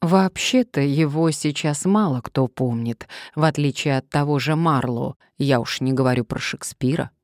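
A woman reading an audiobook, voicing a learned woman writer who explains things in a measured way. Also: a bass voice, darkish tone, dry recording, clean studio sound.

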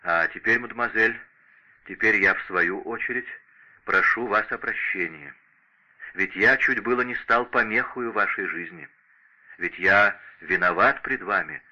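A heartbroken young nobleman, formal and grieving, as a male reader voices him. The tone is very bright and tense over a low-ish pitch, heard through a dull lo-fi audiobook recording. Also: unhurried, exaggerated voice. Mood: earnest. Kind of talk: audiobook character reading.

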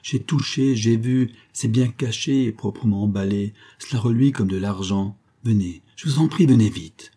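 A man voicing an excited freed convict who talks in a breathless, exalted, urgent way. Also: on the low side, normal speed, few pauses, husky. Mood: overjoyed.

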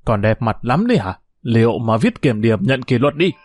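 A man's voice: mid-range voice, sing-song, normal speed, a little mellow, dry recording, clean studio sound. A man voicing a stern, scolding older village party official in a story reading. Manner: barking, scolding.

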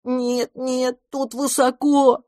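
A woman's voice: high-pitched, flat delivery, slow pace, dark tone, no room sound, studio quality, pitched above the performer's own voice. A woman voicing a frightened little kitten that whines in a children's story. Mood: scared. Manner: whining.

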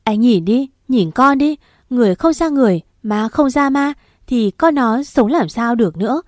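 A middle-aged mother, desperate and weeping, pleading with her husband in a high, tearful voice, as a woman storyteller voices her. It is recorded dry and close. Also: expressive, normal speed, a little mellow, no room sound, close to an everyday voice. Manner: sobbing, pleading.

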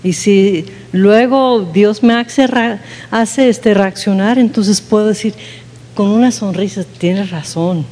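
A woman's voice: medium pitch, takes it slowly, warm tone. A woman giving an informal sermon talk at a women's church gathering, candid and self-mocking, often checking in with her listeners. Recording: long hall reverb.

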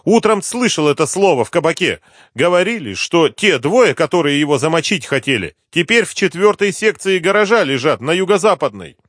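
A man reading an audiobook, voicing a frightened, whining male drug addict with a high, pleading voice. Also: sing-song, a little fast, a bit bright, dry recording, studio quality. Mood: agitated rambling.

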